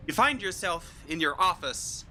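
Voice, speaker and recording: A man's voice: a little high, expressive, moderate pace, pushed and bright. A man narrating as game master of a tabletop game, often restarting mid-sentence as he describes scenes. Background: faint music.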